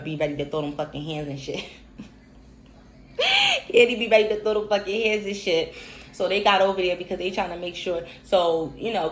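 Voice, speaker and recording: A woman, giving an unscripted, profane, emphatic reality-TV recap rant. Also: fairly low pitch. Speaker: recap commentator. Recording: echoey room with faint hiss.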